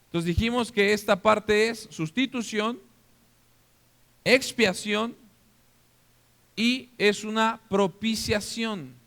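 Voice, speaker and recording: A man with a Mexican accent preaching a sermon as pastor, animated and interactive, often checking that the congregation is following. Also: sits high, slow, long pauses. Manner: animated, acts out scenes for the listeners. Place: church hall. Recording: long reverb of a church hall.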